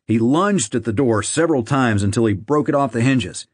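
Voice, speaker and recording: A man narrating an audiobook in a measured, somber reading. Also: medium pitch, animated, slightly rough, no room sound, clean studio sound. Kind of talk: scripted narration.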